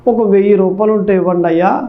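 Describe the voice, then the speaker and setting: A man's voice: high-pitched, fairly even intonation, quick pace, voice pushed down, lightly acted. A man voicing a poor beggar who pleads respectfully with a minister and a king, in a dull lo-fi recording. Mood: pleading.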